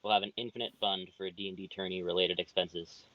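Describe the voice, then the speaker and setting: A man playing in a tabletop game, making dry, deadpan jokes. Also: deep voice, fast talker, lo-fi sound. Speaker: player.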